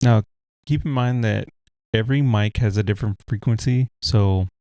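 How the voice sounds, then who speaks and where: Explaining mic settings at a moderate pace, a deep, gravelly man hosts a casual screen-recorded tech tutorial in a loose, rambling style with fillers. He's at home with a heater running, speaking into a pop-filterless USB desk mic, and no room sound comes through.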